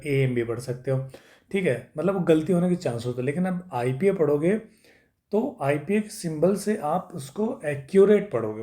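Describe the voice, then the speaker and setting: A man's voice: on the high side, dark tone. A man teaching English pronunciation, sounding words out sound by sound and checking in with his students after each point. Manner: patient, drawn-out syllable by syllable sounding out. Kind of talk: spoken English lesson.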